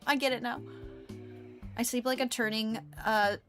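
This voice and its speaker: A woman's voice: a little high, steady tone, normal speed, a bit bright, soft background music. An American woman chatting casually to viewers on a game livestream, rambling playfully from one remark to the next. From United States. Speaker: live game streamer.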